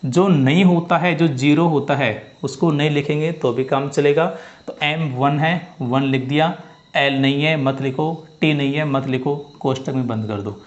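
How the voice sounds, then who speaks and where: Physics teacher guy, highish voice, keeps asking if u got it, muffled lo-fi audio. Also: unhurried. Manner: repeats steps, asks students if they understood. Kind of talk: classroom-style lesson.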